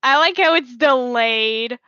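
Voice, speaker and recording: A woman's voice: fairly high pitch, slow, bright, forceful tone, clean tone, dry recording. A giggly, playful young woman chatting casually on a phone call and planning a role-play story. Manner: giggly, playful, fond of silly sound effects.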